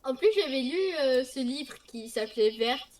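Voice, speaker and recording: A high-pitched woman chats casually at a moderate pace while playing a video game with her sister. She's a let's play gamer, goofy and playful, making silly noises as they talk through the game.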